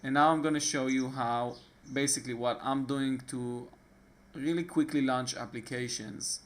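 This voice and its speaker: An Israeli man with an Israeli accent hosts a screen-recorded computer tutorial, talking casually and haltingly. He often pauses on fillers and restarts sentences. His voice is medium in pitch with a steady tone.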